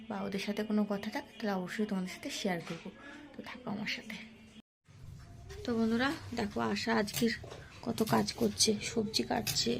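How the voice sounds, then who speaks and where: A woman's voice: mid-range voice, creaky. A young woman chatting casually to her viewers in a daily vlog, often saying "so come, friends". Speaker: vlogger.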